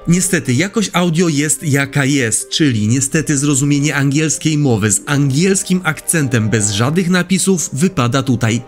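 Young male game reviewer, slightly high voice, wry and lively, faint music underneath. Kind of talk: scripted retro game review voice-over.

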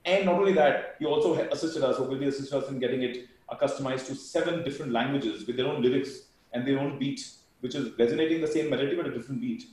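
A middle-aged man with an Indian accent speaks quickly from a very echoey room on a video call. He answers interview questions in an animated, emphatic way. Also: mid-range voice. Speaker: company co-founder, interview guest.

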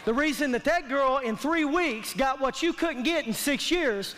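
The voice is a man's, extremely high in pitch and fairly bright, animated and at a moderate pace, as he preaches a sermon as pastor. His style is emphatic, colloquial and repetitive, inviting response, from a large indoor church auditorium stage with long hall reverb off the stage sound system.

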